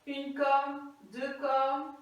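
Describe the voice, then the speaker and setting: A woman's voice: sits high, monotone, extremely slow, lo-fi sound. A woman teaching young children remotely, playful and sing-song, telling little stories to explain spelling. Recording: very echoey room, far from mic.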